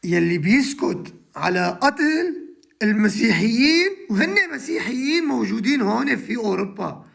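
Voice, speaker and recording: A man with a Syrian accent, delivering an emotional live monologue from home, halting with many restarts and trailing words. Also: very high voice, sing-song, vocal fry, fairly bright tone. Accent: Syrian Arabic. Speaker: livestream host addressing followers.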